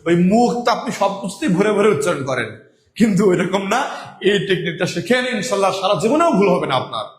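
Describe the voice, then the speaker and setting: A man's voice: high voice, sing-song, quick pace, reverberant. A man teaching a live online grammar class, repeating points and asking questions he answers himself, addressing viewers as brothers and sisters. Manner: repetitive, asks and answers own questions. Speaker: online exam-prep teacher.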